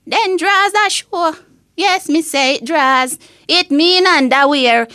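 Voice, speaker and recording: A woman's voice: high-pitched, slow, pushed and bright, no room sound, clean studio sound, full character voice. A woman playing a cranky, opinionated old Jamaican granny in a comic audio rant, scolding and indignant, full of rhetorical questions.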